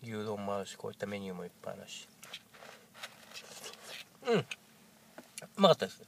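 Stuffy-nosed man with lively, gravelly delivery. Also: lowish voice, brisk. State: congested with a cold. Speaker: food review vlogger. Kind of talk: casual food review to camera, with polite greetings. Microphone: camera at arm's length.

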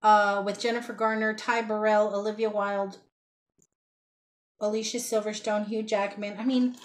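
Chatty woman showing her haul. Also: medium pitch. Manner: chatty, rambling, self-deprecating asides. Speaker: haul vlogger. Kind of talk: casual haul chat to camera. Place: small home room with shelves, indoors.

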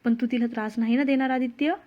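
A woman's voice: a little high, steady tone, fast talker, natural voice. A woman voicing a loving, teasing middle-aged mother in a storybook reading. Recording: dull lo-fi sound.

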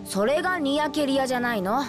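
A woman's voice: high-pitched, lively intonation, quick pace. A woman voicing a skeptical young boy spirit in a video game, with casual, blunt, boyish delivery. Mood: thoughtful. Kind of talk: Japanese RPG cutscene voice acting. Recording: game soundtrack music behind.

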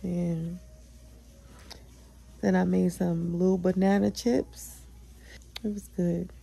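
A young woman talks straight to her listeners in a loose, candid solo podcast, swearing freely and hyping herself up. Her voice is very dark and gravelly, with a husky edge and plenty of vocal fry. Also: lowish voice, level tone, slow pace, poor audio. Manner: chatty, candid, profane, self-affirming. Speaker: podcast host. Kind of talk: casual solo vlog chat.

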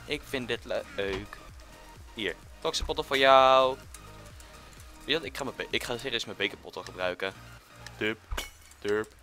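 A young man giving casual, excitable commentary while playing a game, jumping between loud outbursts and quiet muttering. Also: on the low side. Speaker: gaming YouTuber.

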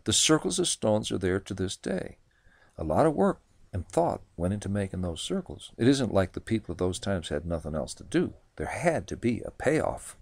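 A man's voice: fairly low pitch, sing-song, normal speed, vocal fry, a little mellow, no echo. A man narrating a first-person novel with a wry, sardonic manner.

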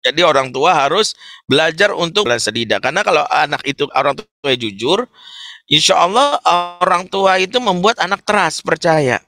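A man giving an Islamic parenting talk in a webinar, animated and humorous as he acts out everyday examples. His voice sits a bit high and sounds bright and forward. The sound is dry and close, with no room echo. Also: normal speed.

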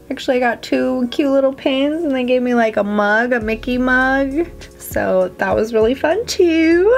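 A woman in her thirties, a beauty vlogger, chats upbeat to the camera while doing her eye makeup in a small indoor room against a plain backdrop. Her mid-range voice has vocal fry and sounds stuffy and nasal from a cold.

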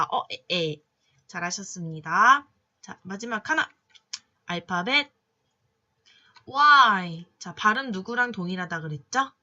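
A woman teaching English phonics in a patient classroom manner, slowly sounding out each letter and cueing students along. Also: medium pitch, bright, forceful tone, dull audio. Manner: patient, drawn-out sounding of letters, many "자" cues. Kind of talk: slow classroom phonics lesson.

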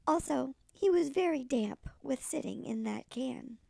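Sweet, creaky old lady reading a storybook. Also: sits high, animated, measured pace, darkish tone, no room sound, clean studio sound. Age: older. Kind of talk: expressive children's storybook reading.

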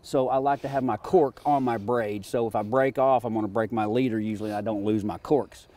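A man's voice: mid-range voice, fairly even intonation, brisk, a little mellow, slight background noise. A middle-aged man from Oklahoma, a fishing guide explaining tactics in casual, folksy talk on a creek bank outdoors. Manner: folksy, easygoing teacher.

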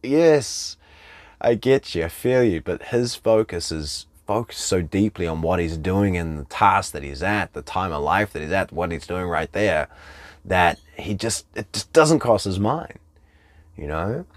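A man coaching in a webinar talk, animated, acting out the people he quotes with big jumps in pitch. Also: measured pace, no echo. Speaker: relationship coach.

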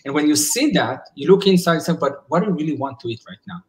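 Speaking from home through a laptop webcam, a psychologist in his forties talks fast in a slightly high voice with lively intonation. Earnest and thinking out loud during a casual video call, he makes frequent false starts and repeats words as he searches for his ideas. The audio is poor.

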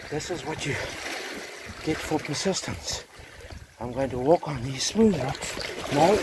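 A man wading through the sea among rocks, rambling aloud in a chatty, self-mocking stream of commentary. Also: on the high side. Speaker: metal-detecting vlogger. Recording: outdoor recording with loud water noise.

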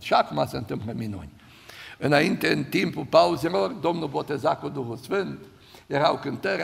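Older male pastor, gravelly husky voice, church hall reverb. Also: on the high side. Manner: storytelling, swings from loud to hushed. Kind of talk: sermon.

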